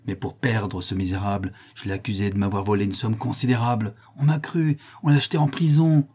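A man voicing a cruel, scheming male notary who confesses his crimes and then grows frantic, with a dark husky voice. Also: lowish voice, fairly even intonation, a little fast. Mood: confessing coldly. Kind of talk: audiobook character reading.

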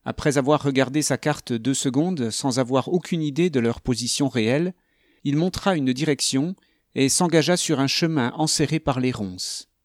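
A man reads a novel aloud in a calm, even manner. His voice has an ordinary male pitch and a close, dry sound with no room around it. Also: moderate pace, no room sound. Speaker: narrator. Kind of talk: audiobook narration.

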